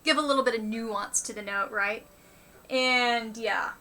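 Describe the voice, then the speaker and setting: A woman chatting casually on a live stream about learning the banjo, talking with quick enthusiasm and muttering to herself between phrases. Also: a little high, pushed and bright. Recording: banjo music behind. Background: banjo playing.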